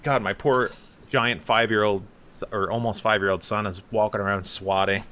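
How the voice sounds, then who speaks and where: A man's voice: on the low side, steady tone, normal speed, bright, forceful tone. A man in his thirties, a podcast co-host telling stories in casual chat and acting out other people's voices.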